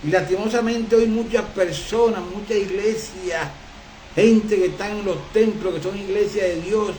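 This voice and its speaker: High-voiced man preaching an impassioned sermon. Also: fairly even intonation, unhurried, darkish tone, roomy sound, a little hiss or hum, low-quality recording. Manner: impassioned, repetitive preaching cadence.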